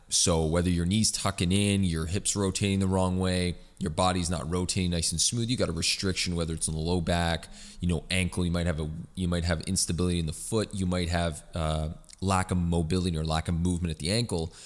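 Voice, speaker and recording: A man's voice: sits low, big-room sound. A man who hosts a fitness podcast and coaches runners, explaining in a casual, conversational way with frequent fillers and restarts. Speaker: running coach and podcast host.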